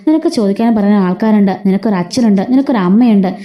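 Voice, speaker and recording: A woman's voice: medium pitch, very fast, lo-fi sound, close to an everyday voice. A woman doing an outspoken young sister. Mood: indignant. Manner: sharp, scolding questions.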